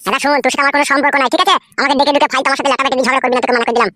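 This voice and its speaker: A woman's voice: high-pitched, steady tone, racing, pushed and bright, slight background noise. A woman acting in a comic family sketch, brash and quarrelsome, with rude insults.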